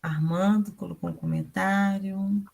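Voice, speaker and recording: A woman teacher with a Brazilian Portuguese accent hosting an online talk, telling stories in a lively, animated way. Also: mid-range voice, unhurried, creaky. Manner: animated storyteller, voices quoted people. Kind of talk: casual conversational talk.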